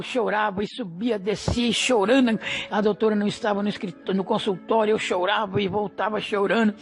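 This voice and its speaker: A man from Brazil gives a church testimony in a fairly high voice, telling his story with drama and voicing each person in it. Soft music plays faintly behind him. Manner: dramatic storytelling, acting out dialogue. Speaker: church member giving testimony.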